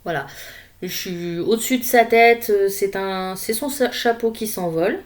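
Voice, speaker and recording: Relaxed, hesitant woman crafting voice-over. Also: medium pitch. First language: French. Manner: relaxed and unhurried, with frequent hesitations. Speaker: craft vlogger. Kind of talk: casual voice-over narrating a scrapbooking session.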